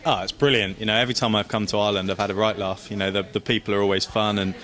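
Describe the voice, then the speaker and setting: A man's voice: on the low side, fairly even intonation, racing, fairly bright tone. A young man, a sailor being interviewed, chatting in an upbeat, self-deprecating way. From Great Britain. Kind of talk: casual post-race interview.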